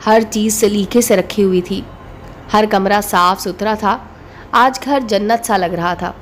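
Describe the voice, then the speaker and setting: A woman narrating a moral story in an even, gentle storytelling manner. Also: medium pitch, measured pace, a little hiss or hum. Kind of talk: scripted narration.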